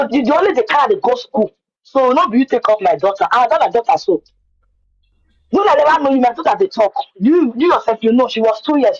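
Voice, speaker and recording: Nigerian woman, husky voice, Pidgin personal account, emphatic repetition, muffled lo-fi recording. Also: on the high side. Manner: repeats words for emphasis. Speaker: guest telling her own story.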